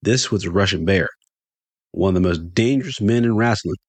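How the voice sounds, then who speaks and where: A middle-aged man telling a funny personal story in first person, animated and getting excited when he quotes himself. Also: a little fast, no echo. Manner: animated, jumps higher for excited quoted lines.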